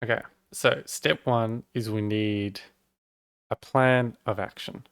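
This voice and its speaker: A man with an Australian accent talks through a live-stream setup in a loose, rambling way, joking at his own expense as he works. His voice sits on the low side. The sound is dry and close, with no room echo. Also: steady tone, takes it slowly, creaky, a bit bright. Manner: rambling, self-deprecating, talks while working. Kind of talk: casual live-stream tech walkthrough.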